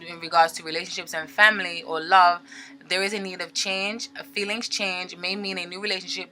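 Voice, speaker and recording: Bright-voiced chatty woman reading tarot. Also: lowish voice. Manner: chatty, animated, with filler words and frequent "okay?" check-ins. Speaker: tarot reader.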